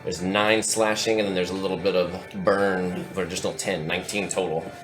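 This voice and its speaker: A man running a tabletop game as game master, calling out hits and damage in a relaxed, matter-of-fact way. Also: sits low, a little fast, over music.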